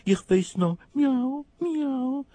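A whiny hungry kitten. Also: male voice, expressive, very slow, mellow, dry recording, exaggerated voice. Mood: pleading. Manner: high plaintive mewing voice.

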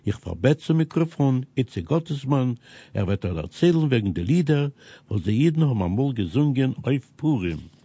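Husky, mellow-voiced male radio presenter. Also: mid-range voice, very animated, moderate pace, no echo. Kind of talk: scripted radio news reading. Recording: dull, lo-fi radio recording.

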